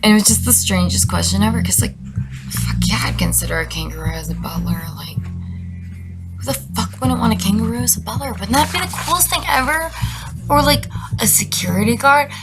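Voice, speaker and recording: Over loud background music, a woman with a creaky, mid-range voice reads aloud messages sent to her as a vlogger, talking a little fast. It's a laid-back comic monologue, sarcastic, full of slang and heavy cursing.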